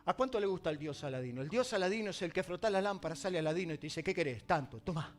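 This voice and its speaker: Argentine male pastor, high bright voice, dramatic sermon delivery with soft music beneath. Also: expressive, racing. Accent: Argentine Spanish. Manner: dramatic, swings from loud emphasis to quiet asides.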